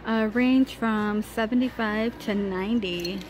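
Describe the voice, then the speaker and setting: An American woman vlogs a casual, chatty walk through a big store, filming on a handheld phone or camera. Her voice sits on the high side at a measured pace, with clear store ambience behind her.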